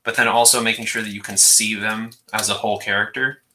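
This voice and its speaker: A man's voice: fairly low pitch, fairly even intonation, brisk, sharp tone, rough recording. A man chatting casually about drawing, talking hesitantly and often restarting his sentences. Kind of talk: casual chat.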